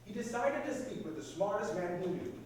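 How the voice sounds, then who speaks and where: A man plays a senior angelic guide telling a life story in a stage drama. His voice sits a little high and he explains patiently. It comes from a distance in a very reverberant hall, with faint noise. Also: lively intonation, brisk, a little mellow. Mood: solemn storytelling. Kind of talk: stage play narration.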